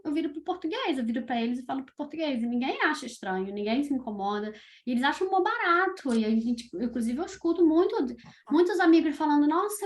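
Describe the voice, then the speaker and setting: A middle-aged woman from Brazil talks in a casual interview, her voice sitting a little higher than most. She tells her stories in an animated, chatty way, stringing thoughts together with small fillers. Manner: chatty, animated storytelling with fillers like "tipo" and "sabe". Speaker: podcast creator, guest.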